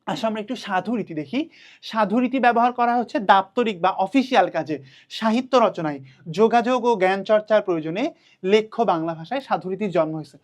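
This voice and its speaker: A young woman teacher with a Bangladeshi Bengali accent gives an online lecture at a middle pitch. She keeps asking questions aloud and answering them herself. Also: brisk.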